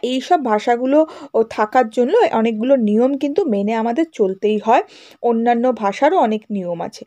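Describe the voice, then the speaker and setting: High-voiced woman teaching grammar. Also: warm tone. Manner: explains and repeats, checks with "right?" and "okay?". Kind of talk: Bengali grammar lesson for schoolchildren.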